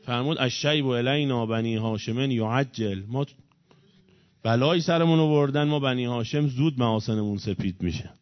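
A man preaching a mourning sermon, his lament swelling from soft telling into loud grieving cries. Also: mid-range voice, no room sound. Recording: dull, dry, muffled recording.

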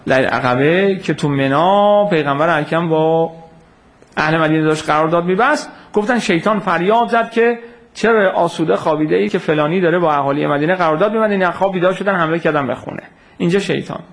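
A man lectures informally on religious history, his voice pitched high with a gravelly edge. He tells events as lively stories and stops to answer questions from listeners. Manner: animated storytelling, acts out quoted voices, takes audience questions.

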